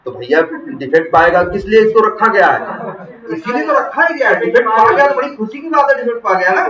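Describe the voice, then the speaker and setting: A man teaching software testing in to a class, asking questions and answering them himself. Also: high voice, big pitch swings, a little fast, crowd noise. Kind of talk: classroom lecture. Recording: roomy, distant, muffled classroom recording.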